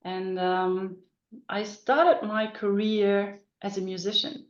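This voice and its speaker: A middle-aged business coach from northern Germany, with a German accent, is a guest in a casual interview. She speaks slowly and thoughtfully at a medium pitch with little pitch movement, using many ums and restarts. The room sounds echoey and dull.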